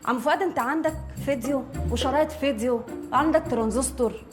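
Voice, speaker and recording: A woman's voice: high voice, fast, over music, lightly acted. An actress with an Egyptian accent playing a cheeky young cleaning woman who teases and mocks her employer. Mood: teasing. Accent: Egyptian Arabic.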